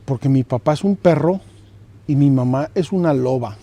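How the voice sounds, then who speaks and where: A man's voice: mid-range voice, moderate pace, mellow, natural voice. A man playing a male wolfdog in a talking-animal joke, in a playful joke-telling manner. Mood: amused.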